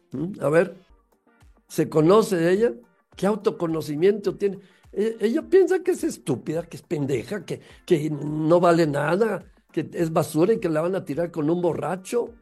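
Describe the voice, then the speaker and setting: Gravelly man giving an emphatic talk. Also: high-pitched, warm tone. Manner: emphatic, full of rhetorical questions. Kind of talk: motivational talk on parenting.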